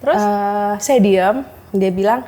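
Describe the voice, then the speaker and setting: A woman's voice: mid-range voice, a little slow, crowd noise. A woman in her thirties telling her own hard story as an interview guest, hesitant, with many fillers, acting out what doctors told her. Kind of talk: emotional personal testimony.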